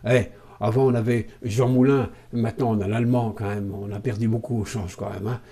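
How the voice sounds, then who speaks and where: A man from France giving sarcastic, lively political commentary to camera, with frequent hesitant fillers. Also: lowish voice, fairly quick, husky. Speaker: video commentator.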